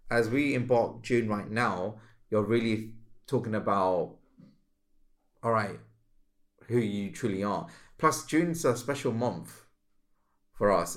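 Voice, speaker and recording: A man co-hosting a casual spiritual podcast, animated and exclamatory as he acts out his reactions. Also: on the low side. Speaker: podcast co-host.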